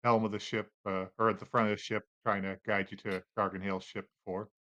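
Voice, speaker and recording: A man with a lowish voice runs a tabletop game, describing scenes in a relaxed, halting way full of fillers. The sound is dry and close, with no room around it. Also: dry recording. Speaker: game master.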